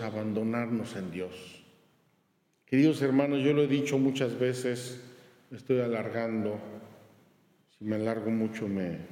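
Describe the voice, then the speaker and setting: A male priest giving a homily with slow, earnest storytelling. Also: mid-range voice, a little mellow. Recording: roomy church reverb.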